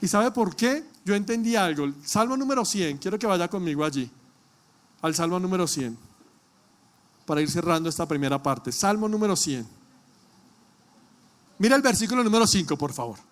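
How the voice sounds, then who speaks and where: A male pastor preaching a sermon, telling a personal testimony with emotion and rising to loud calls to the congregation. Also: high-pitched, expressive, moderate pace, pauses often.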